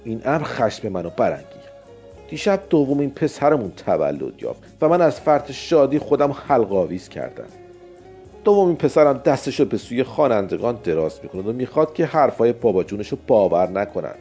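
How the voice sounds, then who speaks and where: A man narrating a story as a dramatized audiobook, theatrical, swinging between loud outbursts and hushed asides. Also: medium pitch, big pitch swings. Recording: narration with faint music behind. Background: faint music.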